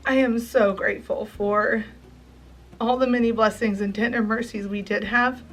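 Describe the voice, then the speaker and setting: A woman's voice: fairly high pitch, fairly even intonation, normal speed, fairly bright tone. A woman in her forties speaks earnestly to her viewers in a heartfelt home vlog, emotional and close to tears, full of thanks. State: near tears. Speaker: home and craft vlogger.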